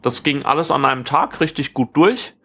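With a fairly high pitch, vocal fry, and a sharp tone, a man rambles as co-host of a casual living-room tech podcast. His speech is halting, and he often corrects himself partway through sentences.

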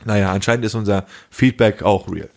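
Brisk and steady-toned, this young man's fairly low voice carries vocal fry as he co-hosts a podcast. He chats casually in slang and acts out the dialogue in his animated stories.

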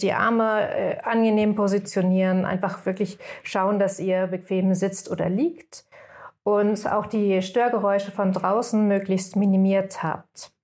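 A woman leads listeners through a short guided meditation. She speaks slowly and calmly, with a middle-pitched voice. Her phrases often fade into hushed whispers. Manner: slow, soothing, drifting into soft whispers.

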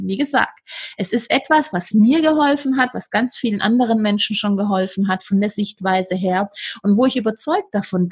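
A woman's voice: mid-range voice, breathy edge. A woman hosting a podcast, giving an earnest self-help monologue and speaking straight to the listener. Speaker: podcast host.

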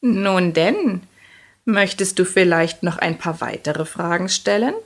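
A woman voicing a gruff, menacing old witch who growls and speaks slowly and slyly. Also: fairly low pitch, animated, a bit bright, exaggerated voice. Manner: growling, slow and sly.

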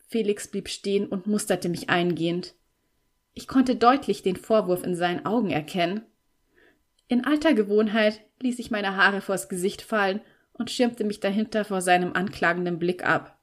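A woman reading a novel aloud as first-person narrator, steady and expressive. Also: mid-range voice, normal speed. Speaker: audiobook narrator.

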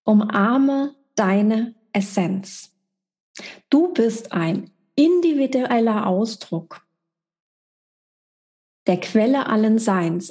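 A woman's voice: medium pitch, warm tone. A middle-aged woman giving a monthly spiritual energy forecast, speaking directly and emphatically to the listener as a coach.

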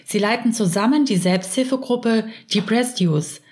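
A woman hosting a podcast, asking her guests gentle, measured questions. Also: on the high side. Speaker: podcast host. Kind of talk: podcast interview.

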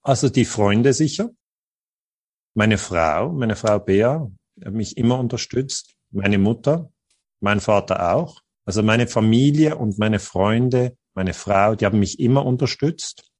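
A man from Switzerland, telling personal stories as an interview guest in an earnest way, often pausing to search for words. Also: on the low side, a little mellow, dry recording, clean studio sound. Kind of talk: reflective personal storytelling.

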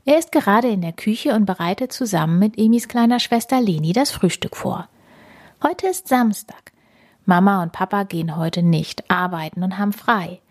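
A woman hosting and reading a storybook aloud to children in an animated, kid-friendly manner. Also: medium pitch, moderate pace, no room sound, studio quality. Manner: warm, animated storytelling for kids.

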